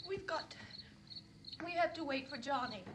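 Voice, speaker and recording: A woman's voice: high-pitched, expressive. A dazed, shocked young woman. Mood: pleading. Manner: halting, dazed, breaking into hysterical crying. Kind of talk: 1960s horror film acting. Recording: old noisy film soundtrack.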